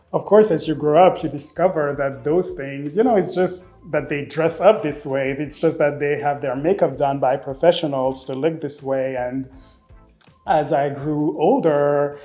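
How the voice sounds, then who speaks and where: In a casual interview, a Rwandan-born makeup artist in his thirties who was raised in Belgium speaks expressively, often repeating words as he thinks. His pitch is fairly high.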